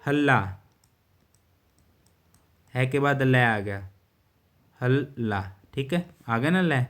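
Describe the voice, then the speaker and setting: Male teacher, patient, step-by-step, mid-pitched. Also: expressive, slow pace, fairly bright tone. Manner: patient, repeats words and checks with "theek hai". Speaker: steno teacher. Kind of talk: explaining a lesson while writing.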